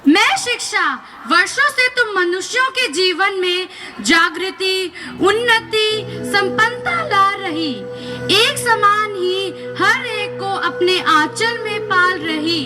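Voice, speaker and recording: A woman's voice: very high-pitched, slow, over loud music. A woman playing Education personified, reciting rhyming verse. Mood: earnest. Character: motherly female spirit of Education.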